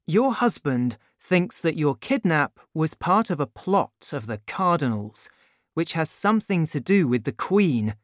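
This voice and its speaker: Woman reading a gallant young guardsman, urgent and earnest, slow and lively, dry sound. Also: sits low, no room sound. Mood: calm.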